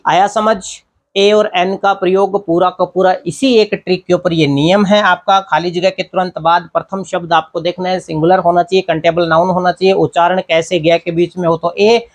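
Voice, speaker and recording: A man's voice: high voice, little pitch movement, moderate pace. Male grammar teacher, explaining step by step, repeating himself and checking in with the class. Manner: explains step by step, repeats key points, often asks "theek hai na". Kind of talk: classroom-style grammar lesson.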